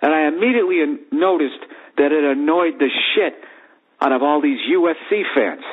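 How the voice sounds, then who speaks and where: A man hosting a podcast, telling a profane, rambling comic story in a lively way from his bedroom. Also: fairly high pitch, normal speed. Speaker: podcast host. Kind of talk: comedic storytelling monologue. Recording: phone-like lo-fi audio.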